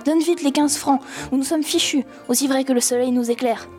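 Brief: a woman reading a rambling, pleading teen boy, mellow low-key voice. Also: a little fast, faint music behind, lightly acted. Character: impulsive teenage boy, pleading and tearful.

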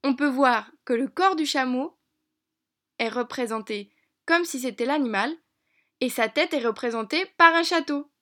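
A woman teacher narrating a lesson for young children in an encouraging, clear way, slowing down on key words. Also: high-pitched. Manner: bright, encouraging, speaks slowly to a child.

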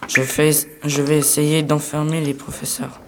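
A woman's voice: low-pitched, level tone, normal speed, lightly acted. A woman voicing a timid, curious schoolboy in an amateur storybook reading, with a hesitant, stammering delivery.

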